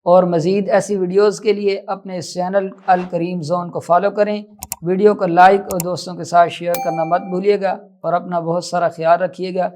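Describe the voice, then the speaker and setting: A Quran reading teacher giving a calm, patient pronunciation lesson, stretching recited words slowly and repeating them to correct common mistakes. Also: mid-range voice.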